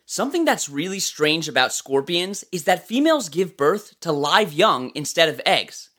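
An educational presenter narrates in nature documentary style with a very animated, mid-range voice at normal speed. He explains things informally, addressing the listener directly, and his intonation moves a lot.

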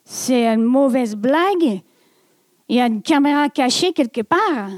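A woman from Montreal telling a personal story on stage in a slow, deliberate, self-mocking way. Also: high voice, expressive, darkish tone, no room sound, clean studio sound. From Montreal, Quebec. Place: theatre stage.

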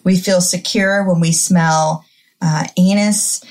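A woman with a Midwestern accent, explaining wellness topics in a gentle, earnest, casual chat. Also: lowish voice, measured pace. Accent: Midwestern American.

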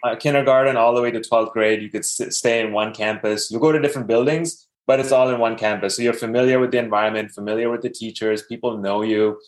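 A man's voice: medium pitch, steady tone, fast, few pauses. A man in his thirties from Dubai, a podcast guest telling his life story casually, with many fillers and restarts.

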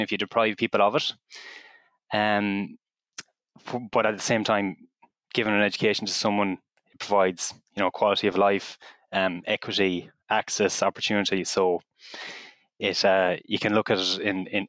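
A man's voice: on the low side, a bit bright, dry recording. A man in his thirties with a western Irish accent, chatting casually and reflectively as a podcast co-host. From County Mayo, Ireland. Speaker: guest co-host, primary teacher.

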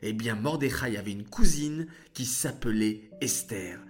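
A man telling a story to children, speaking to them directly in an expressive way. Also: medium pitch, a little slow, soft background music.

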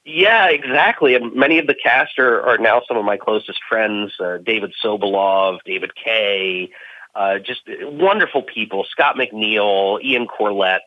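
An eager man from Maryland talking as a guest, his stories bouncing between low asides and excited peaks. The audio is dry and slightly muffled, with a lo-fi dullness. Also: unhurried, dry recording. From Maryland, USA. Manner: eager, animated storyteller. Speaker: guest voice actor. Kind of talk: casual interview talk.

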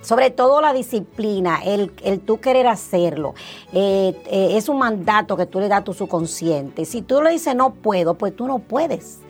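Animated Dominican woman telling her story. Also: medium pitch, a little slow, faint music behind. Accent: Dominican Spanish. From Dominican Republic. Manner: animated, acts out past conversations, frequent fillers. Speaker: interview guest, insurance agency owner. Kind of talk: casual interview storytelling.

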